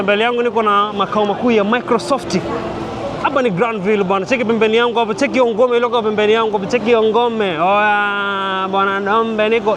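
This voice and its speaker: Out on a busy street during a night celebration, a Tanzanian man vlogs in a high-pitched voice, joking and laughing as he talks to his viewers. The background is noisy, with a loud crowd and music.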